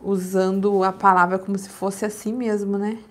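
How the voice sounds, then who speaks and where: A woman hosting a casual live stream from home, chatty and quick to laugh. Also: mid-range voice, little pitch movement.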